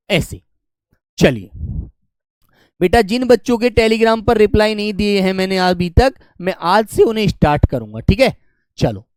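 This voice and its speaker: Give me a man teaching an online class, warmly addressing students and drawing out words for dictation, recorded dry. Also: sits high, no room sound. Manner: affectionate, calls students "beta" and "my dear children"; repeats key words slowly for dictation. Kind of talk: online Hindi grammar class.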